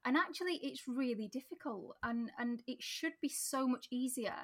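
A political candidate from Sheffield, England, speaks with a Yorkshire accent in a chatty interview, laughing often and frequently restarting her sentences. Her voice is high, moderately paced and a bit bright.

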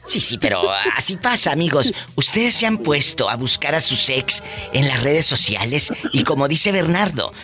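A man's voice: on the high side, very animated, moderate pace, pushed and bright, faint music behind. A man with a Mexican accent hosting a radio show, teasing and joking in casual banter. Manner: playful, teasing, exclamatory. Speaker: radio host.

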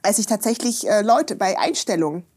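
Husky-voiced woman telling stories. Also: medium pitch, a little fast. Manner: lively storyteller, acts out quoted dialogue, frequent tag questions. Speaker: podcast guest. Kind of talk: casual podcast conversation.

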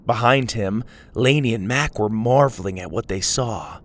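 A man narrating a storybook with expressive, dramatic delivery. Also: mid-range voice, moderate pace, a little hiss or hum.

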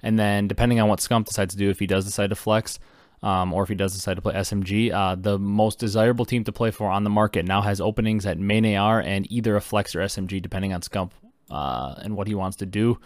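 A young man hosting a podcast, talking fast and excitedly with lots of fillers while he reacts to breaking esports news. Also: fairly low pitch, dry recording, studio quality. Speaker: podcast host. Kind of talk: casual esports news commentary.

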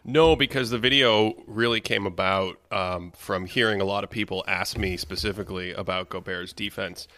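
Guy hosting a podcast, low-ish voice but bright and forceful, super dry sound. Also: steady tone, dry recording. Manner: thoughtful, measured, with fillers. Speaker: podcast host. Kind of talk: casual chat.

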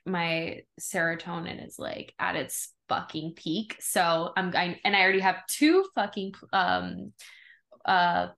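A woman's voice: lowish voice, a bit bright. A woman co-hosting a podcast in casual chat, informal and sweary, with "like" scattered through her sentences. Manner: informal, profane, frequent "like". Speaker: podcast co-host.

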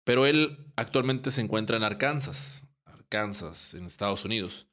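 A young man from Mexico, hosting a casual podcast and talking in a relaxed, rambling way with many restarts. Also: on the low side, moderate pace. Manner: relaxed, rambling with frequent restarts and short laughs. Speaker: podcast host. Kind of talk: casual podcast intro and interview.

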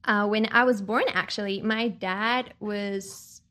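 A woman from Chile sharing her faith testimony as a podcast guest, earnest and reflective, pausing often with ums. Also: mid-range voice, steady tone, a bit bright.

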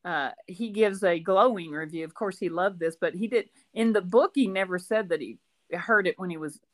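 A woman's voice: lowish voice, normal speed. A woman who teaches school, co-hosting a casual book podcast and telling rambling stories with side notes. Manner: warm storytelling, rambling asides, laughs often.

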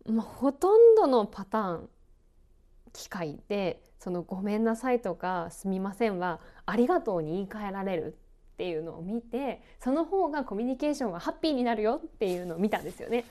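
Mellow-voiced woman in a relaxed podcast chat. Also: mid-range voice, fairly quick. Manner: chatty, self-deprecating, laughs often. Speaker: podcast host and announcer.

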